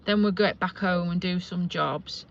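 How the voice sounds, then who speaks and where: Unhurried and fairly low in pitch, this live-streaming vlogger rambles away to viewers from her parked car, chatty and self-deprecating. She comes from Lincolnshire, England, with a touch of Yorkshire in her accent, and the audio is dull.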